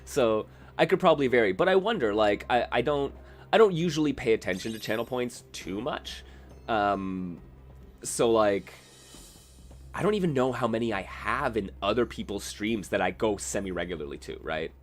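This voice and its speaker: Chatty guy streaming a game, lowish voice, bounces up and down a lot, keeps restarting sentences. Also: lively intonation, moderate pace, faint music behind. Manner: rambling, self-correcting, chatty. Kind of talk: casual live-stream chat while gaming.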